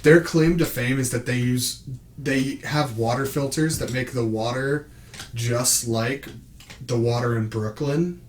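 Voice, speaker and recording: Casual young male podcast co-host, rambling and easygoing, mid-pitched voice, echoey room with faint hiss. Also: steady tone, a little slow. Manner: laid-back, rambling with many fillers. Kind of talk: casual chat.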